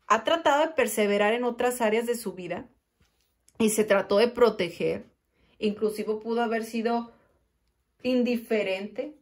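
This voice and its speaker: Brief: woman tarot reader, fairly high voice, slow, intimate, emphatic. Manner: addresses listener as "corazón", slow and emphatic. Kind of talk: intimate direct-to-camera tarot reading.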